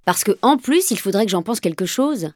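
A woman's voice: mid-range voice, lively intonation, brisk, darkish tone, no room sound, studio quality, close to an everyday voice. A woman voicing a sullen, scornful teenage boy who answers in curt, dismissive retorts.

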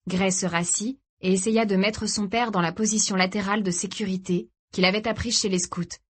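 Female audiobook narrator, mid-pitched, steady and serious. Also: normal speed, husky. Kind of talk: scripted dramatic narration.

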